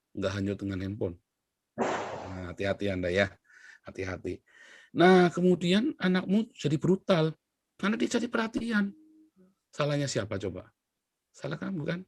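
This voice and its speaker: A middle-aged man from Indonesia, a pastor preaching in a chatty, storytelling way, swinging between loud emphasis and quiet asides. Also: on the high side, sing-song, normal speed, long pauses, no room sound, clean studio sound. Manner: chatty and anecdotal, with sudden rises and drops in volume. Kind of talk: sermon.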